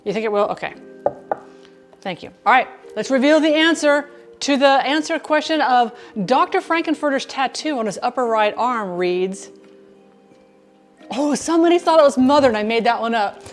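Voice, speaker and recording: A woman's voice: high-pitched, expressive, moderate pace, soft background music. A woman hosting a baking livestream, chatting casually in her kitchen as she works and tells stories, often restarting and repeating phrases. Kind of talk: casual chat while baking.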